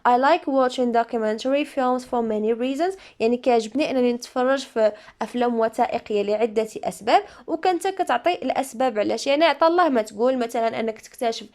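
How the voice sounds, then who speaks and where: Moroccan woman teaching English, bright pitch. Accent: Moroccan Arabic. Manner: switches between Arabic and English, reads English sentences slowly then translates. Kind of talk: exam correction lesson.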